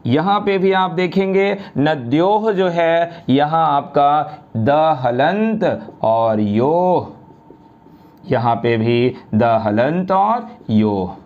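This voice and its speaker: A man teaching a grammar lesson to students, slowly reciting and repeating word forms one by one. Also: on the high side, expressive, a little mellow, highs cut off. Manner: addresses students directly, repeats each form.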